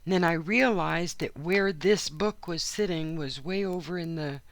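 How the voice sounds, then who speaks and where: In her home craft studio, a woman chats casually while working in a journal, her voice hoarse, worn out, and fairly low, at a measured pace. She drifts from aside to aside with frequent ums, in the relaxed way of a regular channel host, and there is no room sound.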